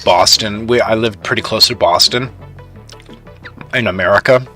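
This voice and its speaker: A man's voice: lowish voice, moderate pace, pushed and bright, faint music behind. A young man from Canada streaming a factory game, chatting casually with his viewers and laughing often. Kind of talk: casual live stream chat.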